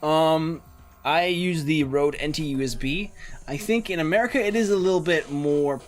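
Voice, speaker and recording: A young Dutch man with a Dutch accent streams a game, chatting casually and rambling with lots of fillers while thinking aloud, reading chat and game text along the way. His voice is a little high, and he speaks at a moderate pace.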